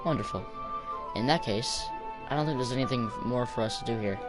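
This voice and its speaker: A man reading the lines of a shy, polite teenage girl in a visual novel, speaking quietly and hesitantly, with game music behind. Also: medium pitch, fairly quick, close to an everyday voice. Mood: gentle. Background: background game music.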